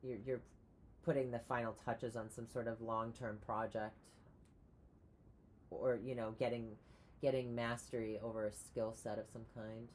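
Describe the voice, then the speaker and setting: A woman giving a casual tarot reading, rambling with many pauses and restarts. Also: very deep voice, flat delivery, a little mellow, a little hiss or hum. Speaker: tarot reader.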